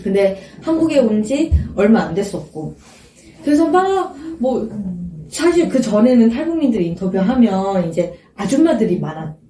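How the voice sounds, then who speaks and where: A woman's voice: on the high side, very animated, moderate pace, warm tone. Earnest young woman in a roomy space. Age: 20s. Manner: earnest, reflective storytelling. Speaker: guest. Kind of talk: casual interview chat. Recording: roomy sound from a distance.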